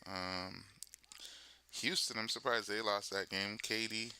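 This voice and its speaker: A man's voice: fairly low pitch, fairly even intonation, measured pace, sharp tone, smooth. A man hosting a live watch party, chatting casually with viewers and reacting to the game, loose and full of fillers. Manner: loose with many fillers and restarts. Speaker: livestream host.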